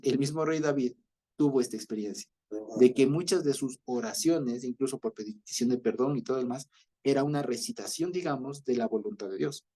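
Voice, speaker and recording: A man with an Ecuadorian accent teaching a Bible study, explaining slowly and often checking that his listeners follow. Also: medium pitch, mellow, husky. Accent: Ecuadorian Spanish. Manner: explanatory, repeats himself with many fillers and checks for understanding. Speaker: preacher.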